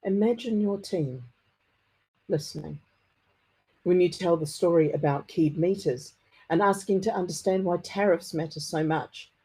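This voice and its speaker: A middle-aged speaker with a broad New Zealand accent and a slight stutter, giving a conference presentation in a deliberate, explanatory manner. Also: medium pitch, darkish tone, breathy edge, low-quality recording.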